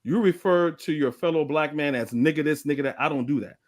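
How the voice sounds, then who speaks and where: Guyanese-born guy on a panel, pretty high voice, mad and preachy, swears a lot. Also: brisk, no room sound, clean studio sound. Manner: emphatic, indignant, swears freely. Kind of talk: heated live debate.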